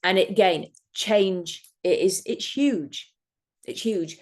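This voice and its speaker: A woman's voice: medium pitch, slow pace. A woman hypnotist talking casually to a workshop group, acting out people's reactions as she explains techniques. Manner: animated, acts out quoted reactions.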